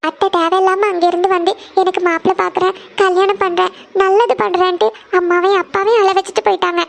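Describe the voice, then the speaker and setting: Brief: woman voicing young cartoon elder sister, crying, very high squeaky voice with a crackly fry, flat anxious delivery. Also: fast. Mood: tearful, worried. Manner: tearful, pleading, dwells on family hardship. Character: worried young woman, eldest sister of a struggling family. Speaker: elder sister who gives tuition lessons.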